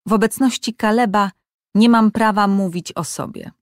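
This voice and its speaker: A woman's voice: mid-range voice, moderate pace, no echo, clean studio sound, close to an everyday voice. Woman reading as a timid, hurt young woman. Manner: timid, soft.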